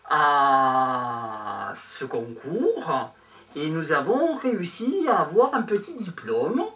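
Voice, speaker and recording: An older man from Provence presenting his handmade nativity crib to camera in a small room, talking in slow halting phrases full of pauses and fillers. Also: fairly high pitch, pushed and bright, far from the mic. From Provence, France. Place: small indoor room with a decorated table. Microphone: clip-on lapel mic.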